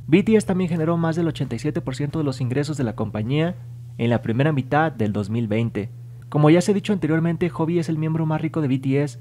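Male news voice-over, slightly high, mellow tone, even scripted read. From Spanish-speaking. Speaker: K-pop news narrator.

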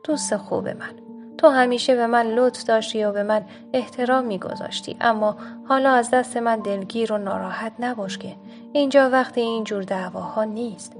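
A woman's voice: on the high side, steady tone, a little mellow, faint music behind, natural voice. A woman voicing a proud wolf stuck in a pit, speaking in a pleading, coaxing way.

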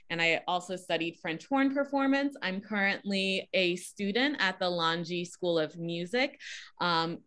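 A woman's voice: on the low side, a bit bright. A woman in her thirties from New Jersey, a music teacher presenting an online teacher workshop over a video call in a friendly, upbeat way. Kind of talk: online professional development presentation.

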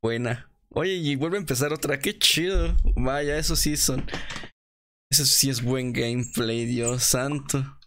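A young man with a Mexican accent giving excitable, slangy commentary while playing a game and laughing often. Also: mid-range voice, unhurried. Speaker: gaming video creator. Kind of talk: casual gameplay commentary.

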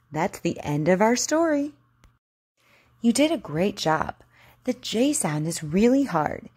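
Encouraging woman teacher with a slightly husky voice. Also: medium pitch, a little mellow. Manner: encouraging, clearly enunciated. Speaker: speech therapist giving articulation practice. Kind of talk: instructional narration and slow read-aloud for practice.

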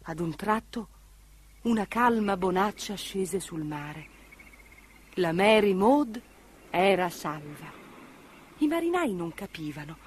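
A woman narrating a children's storybook with an expressive, lively reading. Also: medium pitch, takes it slowly, pauses often, a little hiss or hum.

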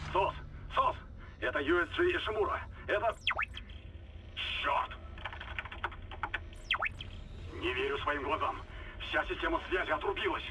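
A desperate starship communications officer speaks through a crackly recorded radio log. His slightly raised voice sounds far from the mic and is soaked in static noise. He talks with mounting urgency. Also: a little high. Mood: panicked. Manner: urgent, rising to panic. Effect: crackly recorded radio log transmission. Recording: distant, noisy radio recording.

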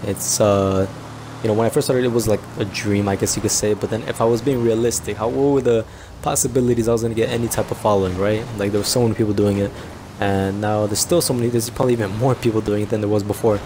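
A young man giving casual, rambling commentary over a video game, chatting to viewers and breaking into excited yelps and laughs. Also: lowish voice, quick pace, background noise. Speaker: gaming YouTuber.

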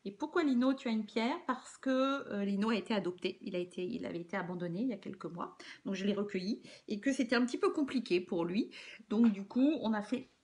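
A woman's voice: medium pitch, fast, a little mellow. A woman giving a casual, chatty tarot card reading as host, with frequent fillers and restarts.

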